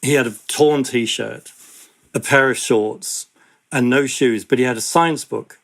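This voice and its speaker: A man, an education advocate, speaking in an earnest, measured way in an interview. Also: mid-range voice, gravelly, a bit bright. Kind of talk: reflective interview talk.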